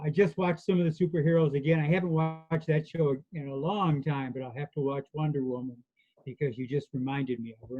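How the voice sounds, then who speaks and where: A man's voice: on the high side, highs cut off. A man giving an earnest, emphatic, somewhat rambling impromptu speech at a club meeting. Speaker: meeting participant answering a table topic.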